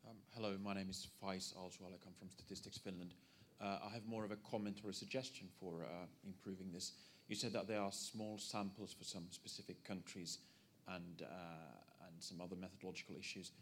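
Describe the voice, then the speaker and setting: A man's voice: low-pitched, fairly even intonation, fairly quick, slight background noise. A man in the audience making a polite, hesitant comment at a conference, repeating words as he goes.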